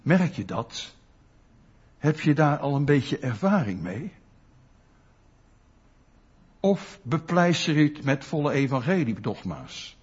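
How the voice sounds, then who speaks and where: A man preaching a sermon, animated and often putting questions to his listeners. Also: fairly high pitch, slightly rough. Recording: dull lo-fi sound.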